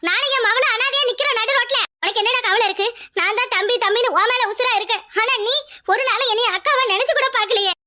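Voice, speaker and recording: A woman puts on an emotional older village mother for a cartoon, who pleads and scolds. Her voice is strikingly high and bright, and her words come out fast. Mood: upset. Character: worried, tearful older village mother and sister. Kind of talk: cartoon voice acting.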